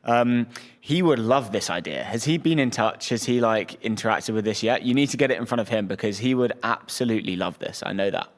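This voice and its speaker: A man's voice: on the low side, expressive, a little fast. Enthusiastic, informal male podcast host. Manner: enthusiastic, informal, stammering restarts. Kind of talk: casual interview.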